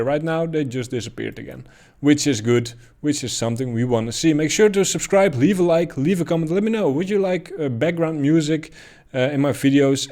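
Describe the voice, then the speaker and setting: Relaxed and unhurried, a man with a Dutch accent comments on crypto markets while going over trading charts, recorded at his home desk. His voice sits mid-register, and he thinks out loud with frequent ums and uhs.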